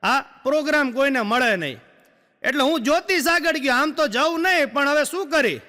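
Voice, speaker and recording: On a live stage, a male stand-up comedian tells punchy jokes and tosses rhetorical asides to the crowd, with echoey hall reverb around him. His voice is very high-pitched, expressive, bright and forceful, at a moderate pace.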